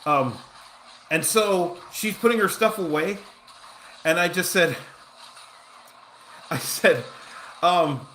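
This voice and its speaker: Rambling man with a bright voice. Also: sits high, lively intonation, takes it slowly, pauses often, slight background noise. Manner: rambling, self-deprecating, frequent fillers and restarts. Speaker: gaming streamer. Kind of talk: casual gameplay commentary with storytelling.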